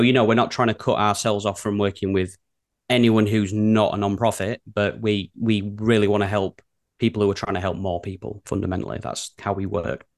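Man, broad Yorkshire accent, lowish voice, casual interview chat, creative director guest.

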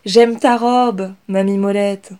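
A woman voicing Inès, a young female rat who speaks calmly and with assurance. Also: mid-range voice, moderate pace, lightly acted. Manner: calm, steady.

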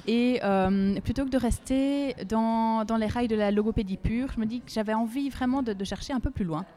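A woman, a speech therapist explaining her work in a podcast interview, calm and hesitant with many fillers. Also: a little high, moderate pace.

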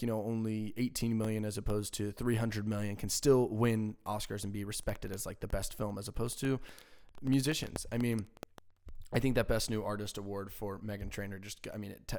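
Young male podcaster, low gravelly voice, swears freely, exasperated rambling home-mic rant. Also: darkish tone. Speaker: podcast host. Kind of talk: casual solo podcast rant. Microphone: home podcast mic with crackling.

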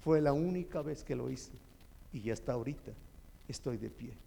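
Gravelly Mexican man giving tearful testimony. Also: mid-range voice, normal speed, dark tone. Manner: tearful, heartfelt storytelling. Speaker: church member giving testimony. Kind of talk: emotional personal testimony.

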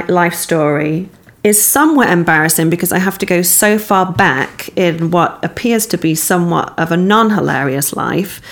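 A woman from England, telling a casual anecdote in a measured way. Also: lowish voice.

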